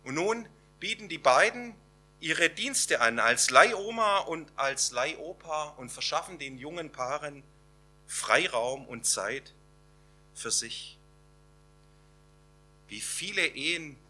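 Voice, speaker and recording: A man preaching a sermon, slow and emphatic, with dramatic pauses between phrases. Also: medium pitch, expressive, bright, forceful tone.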